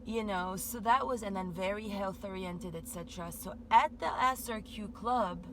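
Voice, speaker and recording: A woman's voice: mid-range voice, moderate pace. A woman giving a meandering spiritual monologue, full of "like" and "you know" fillers. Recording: steady background noise.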